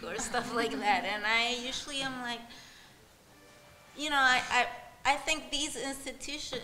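A woman's voice: on the high side, bright, forceful tone. A young woman from Chile speaking on an art panel in a casual, rambling way, full of "like" and restarts, into a table mic in a gallery. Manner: rambling, many "like" fillers and restarts. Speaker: panelist artist. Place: large gallery room with audience. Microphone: table mic on stand. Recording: echoey gallery room, faint noise.

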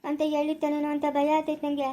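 A woman's voice: sits high, completely flat delivery, quick pace, warm tone, lightly acted. A woman voicing a timid, anxious son. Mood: worried. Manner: timid, pleading questions. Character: anxious grown son, ill and dependent on his parents. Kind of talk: family short-drama acting.

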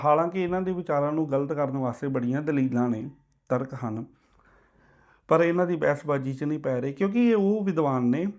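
Man teaching slow sacred pronunciation. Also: fairly high pitch, a little mellow, highs cut off. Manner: slow drawn-out demonstration chanting. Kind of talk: recitation lesson.

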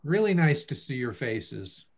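A man hosts a relaxed online session, speaking in a mid-range voice over a video call. He talks conversationally and works his thoughts out aloud, sometimes restarting a phrase. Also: mid-range voice, measured pace. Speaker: host of an online family-studies program. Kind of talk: casual webinar talk.

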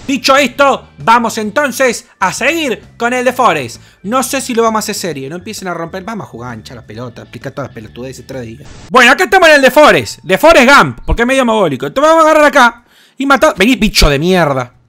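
A young man with a Rioplatense Spanish accent, commenting on his gameplay in an excitable, crude way with lots of swearing. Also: high-pitched, fast, soft background music. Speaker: gaming host.

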